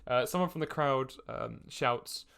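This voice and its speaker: Young man, game master, gravelly voice, hesitant narration, casual tabletop game. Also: medium pitch, measured pace, a bit bright. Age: young adult. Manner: hesitant, many fillers and restarts, laughs often.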